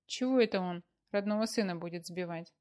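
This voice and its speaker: A woman voicing a stern, bossy older wife who scolds with a sharp tongue in a read-aloud story. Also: fairly low pitch, brisk, natural voice. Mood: scolding.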